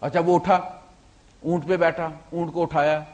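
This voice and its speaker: A man preaching a storytelling sermon, swinging between loud emphasis and quiet asides, with English words mixed into his talk. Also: on the high side, level tone. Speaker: Islamic preacher.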